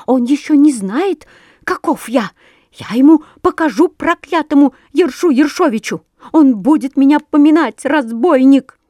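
A woman voicing a hot-tempered male sparrow, a family bird who shouts indignant, rapid outbursts. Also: a little high, lively intonation, no room sound, studio quality. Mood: furious.

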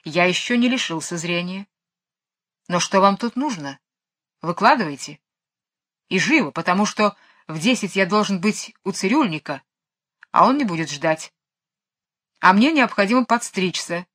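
A woman's voice: medium pitch, expressive, moderate pace, long pauses. A woman reading a storybook aloud, voicing an irritable bossy king who barks orders. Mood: irritated. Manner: irritable, barking, shouting. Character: irritable bossy fairy-tale king, male, middle-aged.

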